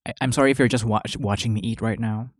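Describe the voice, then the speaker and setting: A man's voice: fairly low pitch, steady tone, quick pace, husky, no echo, clean studio sound. A man hosting a podcast, chatting casually while eating, rambling and correcting himself between bites. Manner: rambling, chewing between phrases, self-correcting. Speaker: podcast host.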